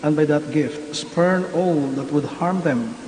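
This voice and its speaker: A man, a priest intoning prayers in a measured way at an online Mass, his voice carrying a cathedral echo. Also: fairly high pitch, a little mellow. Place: large church. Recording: echoey hall with faint hiss.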